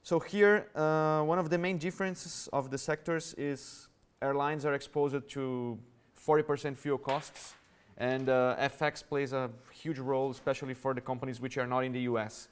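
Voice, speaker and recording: In a conference hall, a man with a Brazilian Portuguese accent presents as a conference speaker, explaining his points easily and conversationally while addressing the audience directly. His voice is smooth, clear and medium-pitched.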